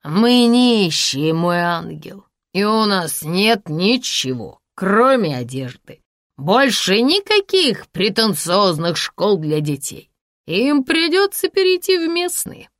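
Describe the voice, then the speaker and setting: A woman's voice: mid-range voice, big pitch swings, takes it slowly, no room sound, studio quality, pitched above the performer's own voice. A woman reading an audiobook, voicing a drunken, boastful ruined man who slurs his words theatrically. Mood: drunk, mocking. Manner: slurred, theatrical, loud. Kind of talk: audiobook character voice.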